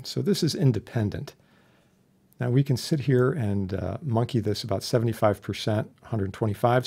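An instructor with a gravelly, lowish voice narrates a very casual tutorial on audio software. He explains things informally with homely analogies, recorded indoors as a voice-over for a screen recording.

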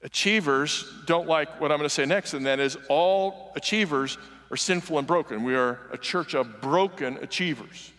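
The long reverb of a large church hall surrounds this guest preacher, a man in his sixties whose voice is a little high and fairly bright. He delivers an earnest, conversational sermon at a moderate pace while moving around the stage.

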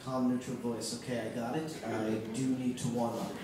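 A man's voice: medium pitch, little pitch movement, normal speed, heavy background noise. A man in a live comedy sketch playing a fussy voiceover actor with pompous, careful diction. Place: theater stage. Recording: echoey room from far off with audience.

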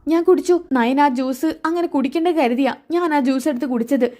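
A woman voicing a quick-tempered young woman who whines and snaps at her family. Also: high-pitched, mellow, pitched above the performer's own voice, close to an everyday voice. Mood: whiny. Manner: whiny, snapping.

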